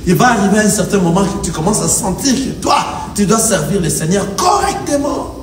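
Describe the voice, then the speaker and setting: The pastor's high voice swings widely in pitch as he preaches briskly, driving the call-and-response while the congregation answers amen. His sermon is emphatic and rhythmic. Recorded from afar in an echoing church hall, it carries faint noise.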